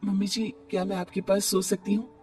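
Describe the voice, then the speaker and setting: A man's voice: sits high, flat delivery, fairly quick, darkish tone, faint music behind, pitched above the performer's own voice, close to an everyday voice. A man voicing a stubborn young wife in a cartoon story, insistent and lightly dismissive.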